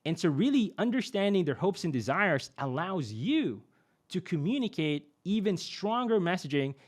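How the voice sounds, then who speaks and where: A young adult man with a high voice and moderate pace appears as a podcast guest and marketing expert. He explains things conversationally and animatedly, using lots of fillers and a repeated tag "right?".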